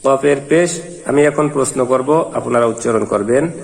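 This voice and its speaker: A man's voice: mid-range voice, moderate pace, gravelly. A man teaching Quran reading in Bengali, spelling out letters and vowel marks one by one and then chanting each verse. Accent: Bangladeshi Bengali. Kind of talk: slow spelled-out recitation lesson. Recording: long reverberant hall.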